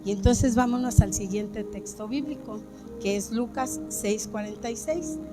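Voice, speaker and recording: A woman's voice: fairly high pitch, a little slow, over music. A woman pastor preaching a sermon, asking the congregation questions and acting out the dialogue of an anecdote. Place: church.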